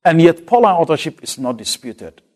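Teaching on a letter from the Bible, a Ghanaian man with a Ghanaian accent and non-native English throws rhetorical questions at his listeners. He has a fairly high, sing-song, darkish voice at normal speed.

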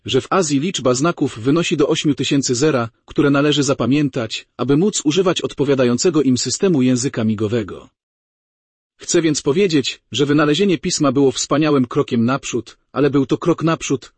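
A man's voice: mid-range voice, breathy edge, no echo. A man lecturing a university class in an explanatory manner, sketching signs as he speaks. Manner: explanatory, drawing on a board as he talks. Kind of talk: classroom lecture on ancient writing.

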